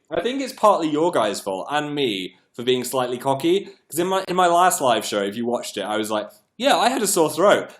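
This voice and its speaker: A British man with a medium-pitched voice hosts a casual livestream, rambling and poking fun at himself. His voice is slightly croaky and froggy as it recovers from being lost.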